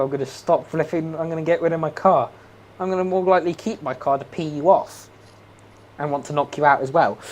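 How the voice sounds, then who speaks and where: A man's voice: on the high side, darkish tone, slight background noise. A young man chatting casually while playing a game, rambling, opinionated and laughing often. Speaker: gaming streamer.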